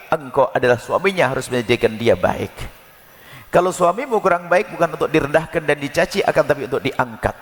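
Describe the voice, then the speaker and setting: A man preaching a sermon, lively and expressive, sometimes acting out quoted couples. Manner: animated, jumps between high and low pitch for emphasis, acts out quoted couples. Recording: long hall reverb.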